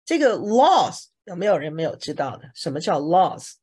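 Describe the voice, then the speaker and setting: A woman's voice: on the low side, very animated, moderate pace, dark tone, breathy edge. A woman teacher explaining English words to a class, often stopping to ask if anyone has questions. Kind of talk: classroom vocabulary lesson.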